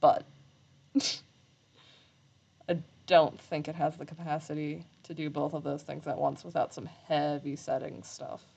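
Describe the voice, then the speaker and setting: A woman streaming live while she sews, chatting casually in a rambling, self-deprecating way, with slight vocal fry when she talks low. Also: flat delivery, a little slow, pauses often, darkish tone. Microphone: desk microphone.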